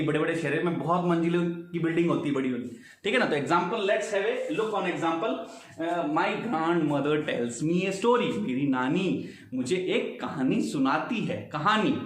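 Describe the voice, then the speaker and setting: High-voiced man teaching, echoey room. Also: a bit bright. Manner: explains slowly, spells words letter by letter, checks "ठीक है ना?". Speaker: English teacher. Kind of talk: Hindi-English vocabulary lesson.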